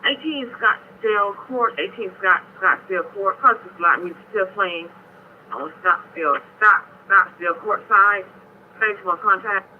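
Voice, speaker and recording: Higher-voiced American man on tinny police radio. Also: measured pace, slight background noise. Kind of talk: police radio dispatch traffic. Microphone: two-way radio.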